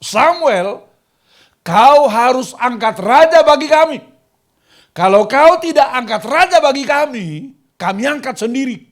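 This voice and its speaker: A man voicing the angry, demanding people of Israel, shouting an ultimatum. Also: extremely high pitch, expressive, measured pace, pitched above the performer's own voice. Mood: defiant.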